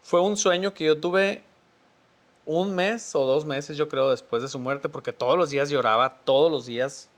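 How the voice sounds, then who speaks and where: A man, a podcast guest telling a personal story in a sincere, emotional, quietly reflective way. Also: a little high, normal speed.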